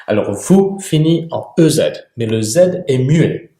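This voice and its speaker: A man delivers a grammar lesson at an unhurried pace, his pitch rising and falling in lively stresses on each key word. His voice is mellow and a little dark, and it rings in a roomy, echoey space. He repeats every form with careful articulation. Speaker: French teacher. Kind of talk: slow, deliberate grammar lesson with drilled examples.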